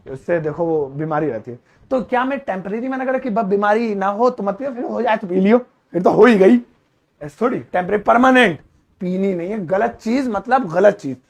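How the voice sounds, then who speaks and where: A man teaching English grammar in a classroom lesson, explaining with slow, repeated examples and chatty asides. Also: high-pitched, vocal fry, husky.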